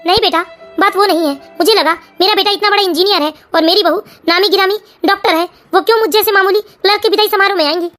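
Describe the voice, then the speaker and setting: A proud, stubborn older father, a retired clerk in an animated family tale, voiced by a woman. He talks fast in a very high voice, earnest and a little puzzled by his family. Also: faint music behind. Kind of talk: cartoon family story voice acting.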